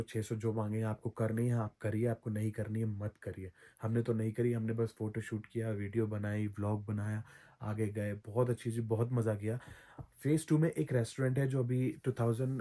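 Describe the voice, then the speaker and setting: A travel vlogger gives casual, chatty advice, often repeating himself and correcting his own slips. His voice is lowish and warm, and his throat is recovering from soreness.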